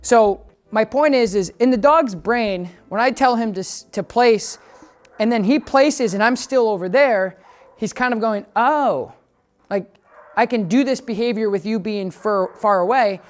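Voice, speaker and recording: A man working as a dog trainer, casually explaining his method to viewers and breaking into high, upbeat praise and commands for the dog. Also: measured pace. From United States. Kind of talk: instructional training demo. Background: background music.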